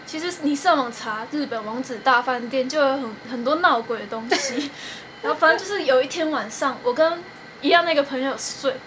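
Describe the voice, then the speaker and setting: Young female podcast host, bright and high, giggly storyteller, faint fan hum behind. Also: fairly quick. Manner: giggly storytelling, laughs often. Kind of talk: casual chat.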